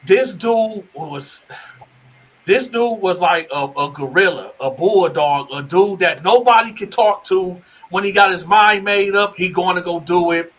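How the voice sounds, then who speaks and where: Bright-voiced man telling a rambling story. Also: high-pitched, unhurried, low-quality recording. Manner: rambling, restarts and repeats words. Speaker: guest telling his life story. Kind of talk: casual storytelling interview.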